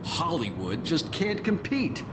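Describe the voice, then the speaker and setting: A vain movie-star villain from a video game, monologuing with slow theatrical menace. His highish male voice swoops grandly as he gloats. There is loud noise behind him. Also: wildly swooping pitch. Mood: smug menace.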